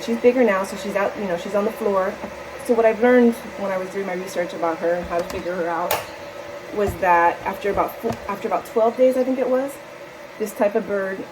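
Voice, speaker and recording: At home in her kitchen, a woman hand-feeds a baby bird, cooing baby talk at it and chatting casually to the camera in a home video. Her voice is mid-range, and the background is noisy.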